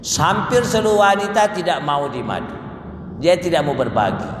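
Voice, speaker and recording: A man preaching a mosque lecture, telling stories in an animated way and acting out the voices he quotes. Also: on the high side, normal speed, background noise. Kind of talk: mosque lecture on marriage law. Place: mosque hall. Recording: echoey mosque hall.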